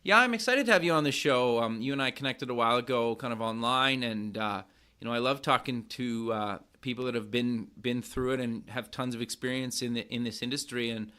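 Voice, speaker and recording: A North American man hosts a podcast in a casual, upbeat way, loosely feeling his way into each question. His voice sits at an ordinary middle pitch. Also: fairly quick, sharp tone, clean tone. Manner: upbeat, hedging with "kind of" and fillers. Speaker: podcast host. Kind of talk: casual interview hosting.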